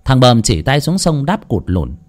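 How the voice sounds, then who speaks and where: A male storyteller narrating a folk tale with a theatrical touch. His voice sits at a middle pitch but leaps and dips constantly as he tells it. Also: moderate pace. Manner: animated, theatrical.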